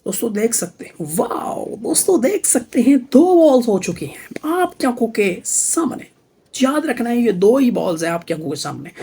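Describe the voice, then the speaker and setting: A man with a husky voice demonstrates magic tricks to camera in the hyping, repetitive showman patter of a kids' party magician. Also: high-pitched, mellow. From Pakistan.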